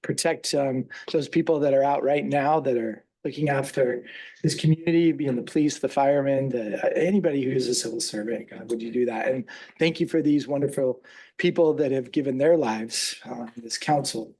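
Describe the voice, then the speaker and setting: A man with a slightly husky voice leads an opening prayer. He speaks earnestly and haltingly, pausing on small fillers as he goes. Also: medium pitch, dark tone, low-quality recording. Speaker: pastor giving invocation. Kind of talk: spoken prayer.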